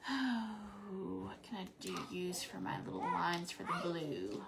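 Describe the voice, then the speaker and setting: A woman's voice: lowish voice, slow, vocal fry, very noisy. A woman in her forties chatting casually to camera while painting a craft, rambling and talking to herself as she works. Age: 40s. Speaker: craft vlogger.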